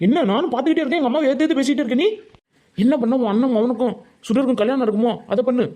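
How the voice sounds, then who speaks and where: A man doing a bullying cartoon father, gruff, threatening, snaps out lines at breakneck speed. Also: extremely high pitch, racing, warm tone. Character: harsh, bullying middle-aged father. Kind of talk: Tamil cartoon voice acting.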